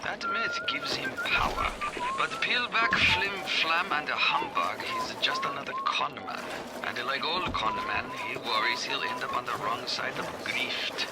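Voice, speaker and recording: Dr. Suchong, abrasive scientist. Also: male voice, fairly high pitch, huge pitch swings, measured pace, very noisy. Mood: scornful, musing. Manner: clipped broken English, dropping articles and verbs. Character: abrasive, cynical, greedy male scientist dictating audio diaries. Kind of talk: video game acting, recorded diary monologue. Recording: music playing behind the voice.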